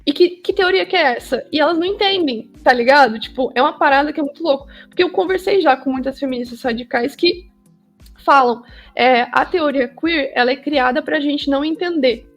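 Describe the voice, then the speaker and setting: A Brazilian woman with a high voice and marked vocal fry talks casually as an interview guest. She is emphatic and slangy, repeating phrases for stress. Faint music sits underneath. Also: a little fast. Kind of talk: casual opinionated conversation.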